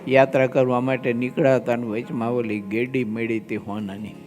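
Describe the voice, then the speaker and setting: A man's voice: medium pitch, flat delivery, a little mellow, faint music behind. A man with a Gujarati accent, a swami giving a devotional scripture discourse, telling anecdotes and voicing the people in them. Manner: slow, drawn-out delivery with quoted voices in anecdotes. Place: large assembly hall with long reverb.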